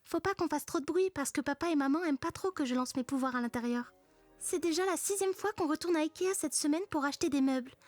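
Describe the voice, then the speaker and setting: A woman's voice: high-pitched, quick pace, soft background music. A woman narrating a comic first-person story in a casual, slangy, sarcastic way. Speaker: narrator of a comedic story parody.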